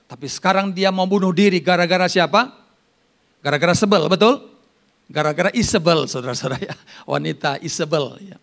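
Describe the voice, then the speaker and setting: Male pastor, Indonesian accent, high voice, lively sermon, jokes with the congregation. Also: fairly quick, vocal fry. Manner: animated preaching with loud rises and soft asides.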